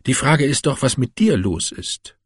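A man voicing an anxious, jealous young wife in an audiobook reading, his husky voice pleading and insistent. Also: medium pitch, expressive, normal speed, no echo, clean studio sound, pitched above the performer's own voice. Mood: reproachful.

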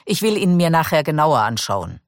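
A man's voice: a little high, sing-song, moderate pace, no room sound, clean studio sound. A male narrator voicing a choleric middle-aged male surgeon who snaps harsh orders at his staff. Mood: angry. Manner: sharp, shouted outbursts.

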